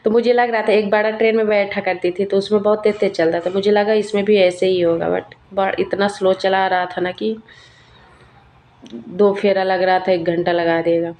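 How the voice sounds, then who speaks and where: A woman's voice: medium pitch, little pitch movement, normal speed, a little mellow. A young woman vlogger and mother, narrating casually in a chatty storytelling way. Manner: chatty, storytelling, laughs often.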